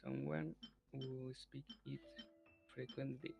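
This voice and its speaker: Slow gravelly man. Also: mid-range voice, completely flat delivery, music in the background. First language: Spanish. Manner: hesitant, repeats words, careful phrasing. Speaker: chat partner. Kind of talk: halting casual chat in a second language.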